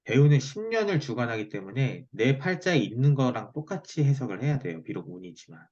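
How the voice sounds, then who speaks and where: Man teaching, lively pitch, dull call audio. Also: fairly quick. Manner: checks listener's understanding often. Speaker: fortune-telling teacher giving a lesson. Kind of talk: explanatory one-on-one online lesson. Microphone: video call.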